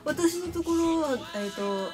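A woman's voice: very high voice, lively intonation, a little slow, over music. A young woman from Kochi co-hosting a casual chat, easygoing and giggly. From Kochi, Japan. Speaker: co-host.

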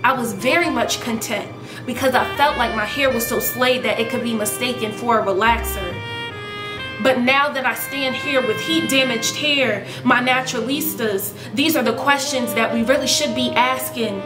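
A woman's voice: fairly high pitch, normal speed, reverberant, music in the background. A woman in her thirties, a hair vlogger, performing sassy, rhythmic spoken word full of rhetorical questions, seated on a sofa in her living room and filmed head-on. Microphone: camera in front, head and shoulders framing.

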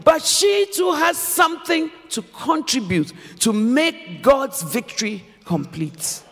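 A woman pastor preaching a sermon in an animated, emphatic way, often raising her voice to a shout. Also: high voice, slow, vocal fry, husky, soft background music. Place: church hall. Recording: reverberant church hall, faint background noise.

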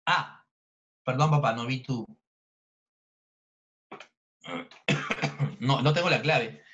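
A man tutors an online chemistry review class, playfully joking with and teasing his students. He speaks very slowly in a fairly bright tone, and the audio is dull and low-fidelity.

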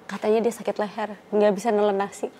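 A woman's voice: medium pitch, flat delivery, fast, warm tone. A mother chatting as a podcast guest, telling stories with animation and often laughing. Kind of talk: casual chat.

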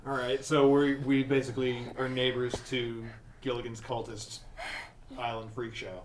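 A man's voice: medium pitch, level tone, moderate pace, slight background noise. A man playing a tabletop game, exasperated and joking. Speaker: player. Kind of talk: casual tabletop game play. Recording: roomy and distant.

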